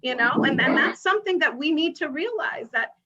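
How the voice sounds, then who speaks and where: A woman's voice: sits high, expressive, brisk, bright, forceful tone, highs cut off. A woman from the Dominican Republic leading a panel discussion, speaking hesitantly with many fillers and restarts.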